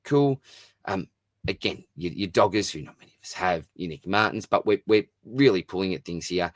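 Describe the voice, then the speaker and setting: Deep-voiced, blokey man hosting solo. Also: animated, normal speed, no echo. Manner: chatty, blokey, matey, informal slang. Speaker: host of a fantasy sport Q&A show. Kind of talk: casual solo mailbag commentary, reading out questions and answering.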